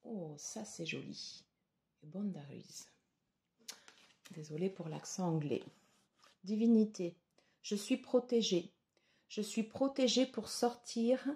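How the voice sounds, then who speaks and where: Woman, tarot reader, unhurried delivery, soft mellow tone, hesitant with fillers. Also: mid-range voice. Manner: slow, hesitant with many fillers. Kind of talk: tarot reading video.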